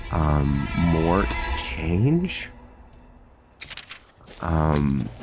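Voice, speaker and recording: A man giving casual let's-play commentary on a role-play game, thinking aloud in rambling, broken-off phrases. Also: sits low. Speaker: gameplay host.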